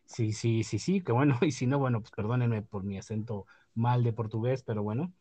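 This podcast host has a warm, medium-pitched voice and speaks at a moderate pace with no room sound. He chats casually about the news, hesitating with plenty of fillers and restarts and laughing at his own remarks.

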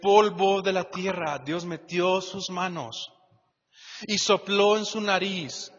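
A man with a Mexican Spanish accent preaching a lively, conversational sermon as pastor, asking the congregation rhetorical questions. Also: sits high, slow pace. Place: church hall. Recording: muffled church hall recording with long reverb.

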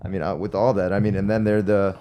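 A man with a low-pitched voice co-hosts a casual podcast chat. His tone is dark and soft-edged. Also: flat delivery, fast, clear, resonant tone. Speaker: podcast co-host.

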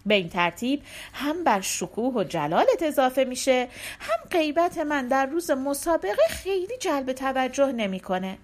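Storybook hero, confident young man, earnest and warm-hearted, voiced by a woman. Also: sits high, big pitch swings, few pauses.

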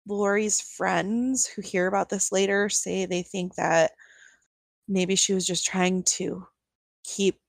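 A woman's voice: medium pitch, no room sound. A young adult woman co-hosting a podcast, telling a true-crime story casually with lots of fillers and incredulous asides. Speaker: podcast co-host.

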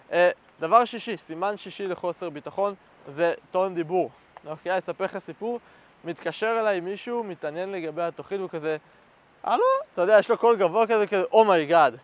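A man with a notably high voice coaches viewers as he looks straight into the camera. His delivery is direct and instructive, and he often breaks off to check that the listener is following. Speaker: dating coach. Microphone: facing the camera.

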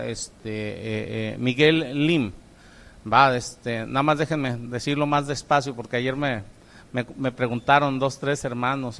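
Gravelly Mexican pastor, halting delivery. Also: male voice, medium pitch, a bit bright. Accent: Mexican Spanish. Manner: halting, many fillers and tag questions. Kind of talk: informal church talk.

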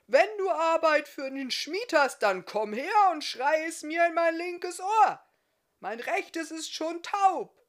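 A woman voicing a big, gruff, half-deaf male blacksmith who shouts in a booming voice. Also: a little slow, natural voice. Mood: bellowing.

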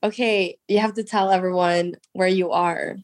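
Congested lady podcast host, stuffy nose, lowish voice, slow n dry, chatting casually. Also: steady tone, dry recording. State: congested from allergies. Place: at home on a couch, recorded over a video call.

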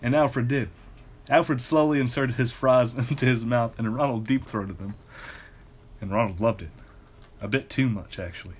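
Male host, deadpan comic read-aloud, mid-pitched everyday voice, casual and loose. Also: normal speed, breathy edge. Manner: deadpan reading broken by laughter. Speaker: host reading fan fiction aloud. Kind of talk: casual comedic reading.

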